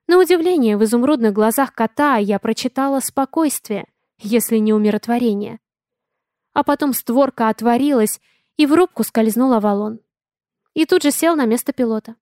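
A woman narrating a first-person audiobook in an expressive, dramatic way. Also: on the high side, normal speed, no echo, studio quality.

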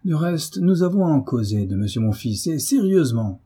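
A man's voice: on the high side, big pitch swings, moderate pace, husky, voice pushed up. A man voicing a brutish, hot-tempered middle-aged landowner who blusters and curses, in an audiobook. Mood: furious. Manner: blustering, cursing, shouting. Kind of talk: audiobook character reading.

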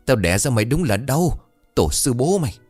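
A man voicing a shrill, abusive middle-aged mother who screams curses at her daughter in rapid tirades. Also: sing-song, darkish tone, husky, no room sound, faint music behind. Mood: screeching, abusive. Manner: cursing, screeching, rapid tirades.

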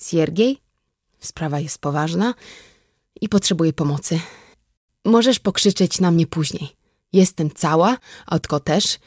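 A woman's voice: fairly low pitch, measured pace, pauses often, no echo, clean studio sound. A woman reading as a blunt, unflappable heroine. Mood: calm. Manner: calm, blunt, wry. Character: tough, composed young woman driver. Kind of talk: audiobook reading.

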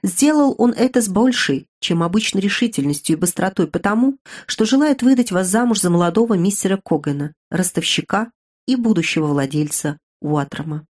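A woman voicing a ruined young man in an audiobook, speaking in a measured, grave and resigned way. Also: mid-range voice, lively intonation, darkish tone, close to an everyday voice. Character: young man, earnest, bitter, ruined suitor.

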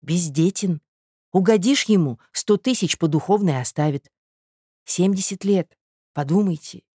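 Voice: mid-range voice, a little slow, darkish tone, slightly rough, dry recording, studio quality. A reader voicing a flustered young nobleman who talks hesitantly and stumbles over his words. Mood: anxious, pleading. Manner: hesitant, stumbling speech with fillers.

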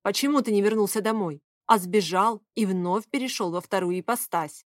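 A woman voicing a stern, forceful father. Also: high-pitched, moderate pace, no echo, studio quality, close to an everyday voice. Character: stern commanding father, a shape-shifter.

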